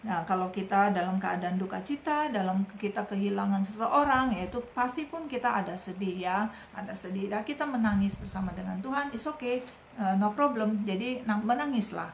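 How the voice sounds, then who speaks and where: A woman giving a sermon, speaking gently and often tagging her sentences with short affirming words. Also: medium pitch, brisk. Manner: gentle, repeats "ya" and "gitu" often. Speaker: preacher. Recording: echoey room with faint noise.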